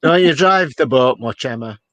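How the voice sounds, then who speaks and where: A man's voice: mid-range voice, animated, moderate pace, fairly bright tone, no room sound, highs cut off. A man, chatting casually as a live stream co-host. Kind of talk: casual chat.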